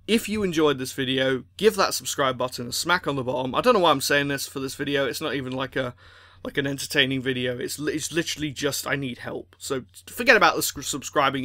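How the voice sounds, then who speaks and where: A man who makes machinima videos, rambling and rushed as he appeals to his viewers, full of restarts and a little out of breath. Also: fairly high pitch, bright, forceful tone, no room sound, studio quality. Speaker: machinima creator.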